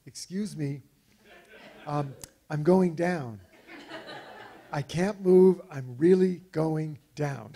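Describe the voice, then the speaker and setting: A man giving an illustrated talk about an expedition, telling stories over his slides in a relaxed way with frequent fillers and restarts. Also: medium pitch, creaky. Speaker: speaker presenting slides of an expedition.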